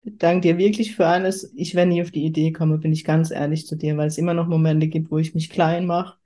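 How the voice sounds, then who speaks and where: A spiritual medium from southwest Germany's Kurpfalz region hosts a spontaneous, casual podcast chat, speaking a little fast in a warm, low voice with flat delivery. Even so, she comes across effusive and exclamatory.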